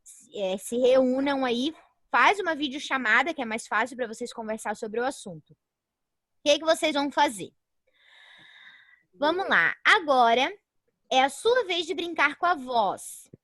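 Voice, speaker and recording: Brazilian woman teacher on a video call, chatty, fairly high voice, close and dry. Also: animated, a little slow, pauses often, sharp tone, dry recording. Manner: chatty, tags sentences with "né?", calls herself "a professora". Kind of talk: online class lesson.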